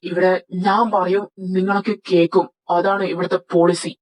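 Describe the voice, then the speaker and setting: A woman's voice: on the low side, little pitch movement, normal speed, darkish tone, close to an everyday voice, low-quality recording. A woman voicing a rude, short-tempered young male boss who scolds his assistant. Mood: domineering. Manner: scolding, domineering. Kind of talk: Malayalam fan audio drama.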